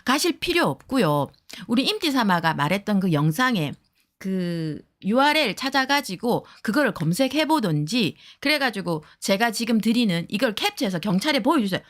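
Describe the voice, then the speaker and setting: A woman's voice: medium pitch, sing-song, moderate pace. A woman talking heatedly to her viewers in a blunt, profane way, acting out the people she quotes. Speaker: streamer giving advice to viewers. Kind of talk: heated casual talk to viewers.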